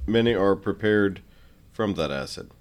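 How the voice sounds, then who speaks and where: A man co-hosting a casual podcast, teasing his friend in a dry, low-key way. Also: lively intonation, moderate pace, smooth. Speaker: podcast co-host. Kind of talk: casual chat while eating snacks.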